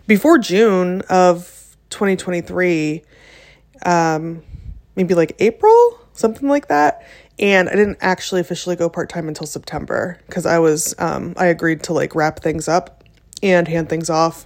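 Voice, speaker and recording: Chatty woman with a lowish voice. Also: darkish tone. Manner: chatty, frequent ums and likes, self-deprecating laughs. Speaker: podcast host. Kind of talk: casual solo podcast talk.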